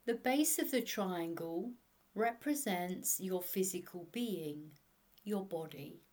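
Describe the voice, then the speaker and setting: Long pauses fill the gaps as a woman with a mid-range voice narrates a guided meditation. Her delivery is quiet, unhurried, and soothing, much like a sleep story.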